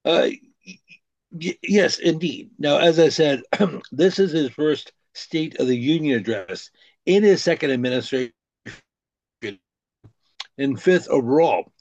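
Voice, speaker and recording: A man's voice: on the high side, expressive, a little slow, long pauses, darkish tone, no room sound. A man co-hosting a political talk stream over a laptop call, hesitant and restarting his words, his audio choppy and cutting in and out over a weak connection. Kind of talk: casual political commentary. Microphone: laptop over a video call. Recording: dull lo-fi online call audio.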